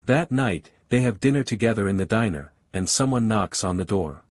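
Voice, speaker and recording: A man narrating a film recap in a steady, even scripted storytelling voice. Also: lowish voice, brisk, no room sound.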